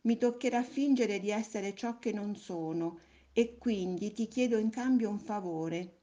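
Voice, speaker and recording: A patient, kindly spirit explaining things gently in a storybook reading, voiced by a woman narrator. The tone is mellow and warm, calm and unhurried in its manner. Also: mid-range voice, close to an everyday voice. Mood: gentle. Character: kind, patient friendly soul, a sexless spirit.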